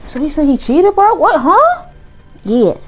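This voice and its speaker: A woman's voice: high voice, big pitch swings, a little slow, faint music behind. A young woman playing a detective game, reading questions aloud and making wry, chatty comments. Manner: chatty, wry, reacts out loud. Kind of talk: casual gameplay commentary and read-aloud questions.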